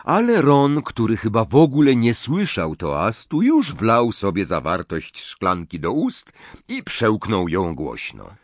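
Expressive male audiobook narrator. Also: fairly low pitch, takes it slowly, dry recording. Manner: expressive storytelling reading.

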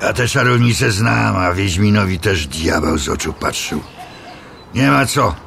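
An actor playing a grim, superstitious townsman who speaks bluntly, with a gravelly voice. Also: low-pitched, animated, measured pace, a bit bright, slight background noise, full character voice. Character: gloomy middle-aged townsman, grim and superstitious.

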